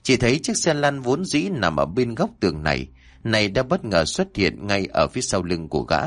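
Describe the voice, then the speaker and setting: Male horror narrator: low register, animated delivery, does the character voices himself. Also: moderate pace. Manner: voices characters' dialogue with shifting pitch. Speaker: storyteller.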